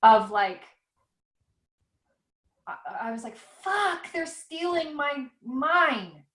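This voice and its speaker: Her voice sits high and sounds expressive and a bit bright, though she speaks extremely slowly. She's an author talking casually on a video call, reflecting aloud and questioning herself as she rambles. A roomy echo colors the recording.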